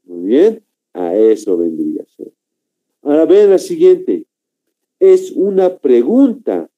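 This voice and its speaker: A man teaching a grammar class, speaking slowly and repetitively, often tagging sentences with a questioning "no?" and addressing the students as gentlemen. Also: on the high side, wildly swooping pitch. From Bolivia. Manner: slow, repetitive, keeps asking "¿no?" and addressing "señores". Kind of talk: classroom lecture. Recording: dull lo-fi recording.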